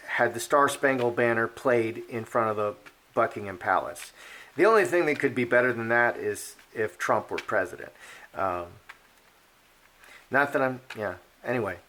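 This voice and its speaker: A man's voice: mid-range voice, bright, forceful tone. Guy rambling on while reading cards, lots of uhs and you knows, opinionated. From Polish heritage. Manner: rambling, opinionated, with many fillers and restarts. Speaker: card reader and commentator. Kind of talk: casual monologue.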